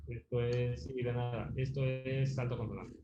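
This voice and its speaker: With a medium pitch, fairly even intonation, and normal speed, a man patiently teaches music theory online, thinking aloud with fillers and checking in through frequent tag questions. There's a noisy background, and the lo-fi sound is dull and roomy.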